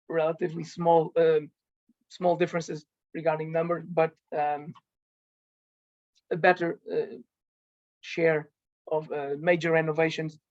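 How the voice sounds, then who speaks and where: A man presents technical findings at a conference, stopping often with ums and restarting his sentences. His voice sits fairly high but stays flat and even. The sound is dry and dull, with a lo-fi quality. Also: dry recording. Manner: halting, frequent ums and restarts. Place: conference event.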